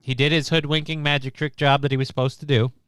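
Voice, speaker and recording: A man's voice: on the high side, little pitch movement, fast, a bit bright, smooth, no echo, studio quality. A man co-hosting a casual chat show, rambling and sarcastic, with plenty of swearing. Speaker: co-host.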